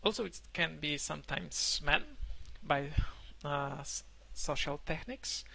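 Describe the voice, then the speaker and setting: A young man whose first language is Polish gives an online conference talk from a room at home, pausing often with fillers and restarts over a webcam microphone. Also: a little high, creaky, pushed and bright, slight background noise. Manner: halting, many fillers and restarts. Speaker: conference speaker. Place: indoor room, remote talk.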